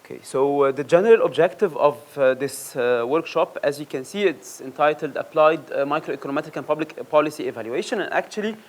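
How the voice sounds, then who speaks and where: A man leading a training workshop, introducing the sessions in a halting way with many fillers and restarts. He speaks in a workshop room. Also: fairly high pitch. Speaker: workshop instructor. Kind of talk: lecture introduction.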